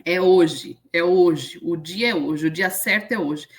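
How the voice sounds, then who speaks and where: Woman, thirties, emotional storytelling, animated, acts out quotes, interview guest. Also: lowish voice, a little slow. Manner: animated retelling with acted quotes.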